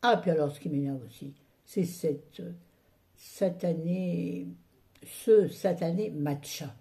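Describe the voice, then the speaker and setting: A woman talks straight to her viewers in a casual home vlog, grumbling about everything that annoys her. Her voice sits low and very dark, with a gravelly fry running through it. She rambles in a loose, colloquial, exasperated way. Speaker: vlogger.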